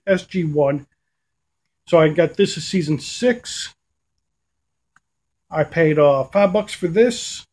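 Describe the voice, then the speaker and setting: Filming on a webcam indoors in a small home room, a thirty-something man gives a casual update on his latest DVD finds. He talks in a rambling way full of fillers and restarts, his voice slightly high, a little mellow and slightly rough.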